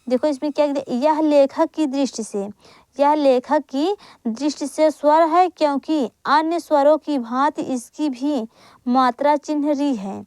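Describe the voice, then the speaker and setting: A woman's voice: high-pitched, a little mellow, dry recording. A woman teaching an exam-prep grammar lesson, repeating each point and asking then answering her own questions. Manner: corrects herself aloud with quick apologies.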